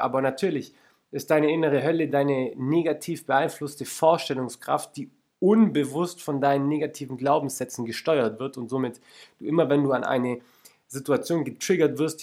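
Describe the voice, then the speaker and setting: Young guy doing a solo self-help podcast, earnest, slightly high voice, repeats stuff for emphasis. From Lake Constance region, Germany. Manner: earnest, addresses listener directly, repeats for emphasis. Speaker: podcast host.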